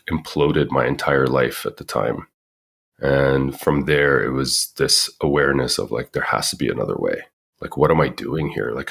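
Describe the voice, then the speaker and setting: A man in his thirties telling his personal story in an earnest, halting way, searching for words. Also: extremely low pitch, vocal fry, a bit bright. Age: 30s. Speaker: guest.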